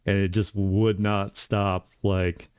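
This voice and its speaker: A man's voice: low voice, flat delivery, slow, darkish tone, clean tone, no echo, clean studio sound. A man streaming his digital art and chatting casually, laid-back and rambling, with lots of laughter and filler words. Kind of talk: casual chat while drawing on stream. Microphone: desk mic with webcam.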